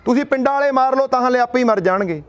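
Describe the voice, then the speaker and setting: Rapid-fire and very high-pitched, a middle-aged man from Punjab, India, makes an impassioned speech at an outdoor protest sit-in. He leans on rhetorical questions and down-to-earth stories.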